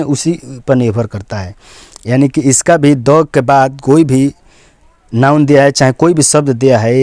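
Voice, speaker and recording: A man's voice: medium pitch, darkish tone, dry recording. A man teaching a grammar lesson, explaining patiently and repeating points with frequent check-ins to his students. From India. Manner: patient, repetitive explaining with many "theek hai" check-ins.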